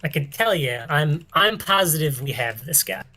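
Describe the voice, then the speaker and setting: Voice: medium pitch, lively intonation, moderate pace, sharp tone. A player chatting casually at a tabletop game session, hesitant and full of joking asides.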